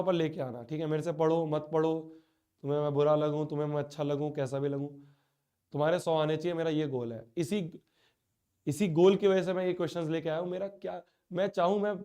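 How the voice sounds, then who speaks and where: A man's voice: fairly high pitch, mellow. Hurt young male teacher with blocked nose. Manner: hurt, pleading, repeats himself. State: blocked nose and sore throat. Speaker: online teacher. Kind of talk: live class address to students.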